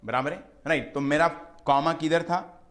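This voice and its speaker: A man's voice: on the high side, moderate pace, a bit bright. A man with an Indian accent giving a classroom law lecture, chatty and checking in often with his students, mixing English terms into his talk. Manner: chatty teaching with frequent "right?" checks; mixes English terms into Hindi speech.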